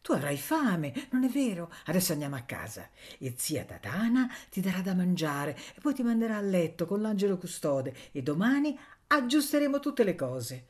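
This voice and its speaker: A woman's voice: fairly low pitch, very animated, moderate pace, few pauses, a little mellow. A woman reading a novel aloud, voicing a kindly, motherly village woman who talks tenderly and half jokingly scolds.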